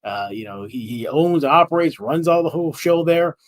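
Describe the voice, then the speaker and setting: This podcast host talks about sports in a casual, chatty and upbeat way, laughing easily with his guest. His voice is a little high and expressive, at a moderate pace.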